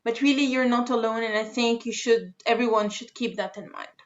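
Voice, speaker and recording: A woman's voice: on the high side, fairly quick. A young woman in the last year of her studies, speaking frankly and hesitantly in a casual group discussion on a video call. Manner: frank, hesitant with many fillers. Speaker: participant. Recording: dull lo-fi video call audio.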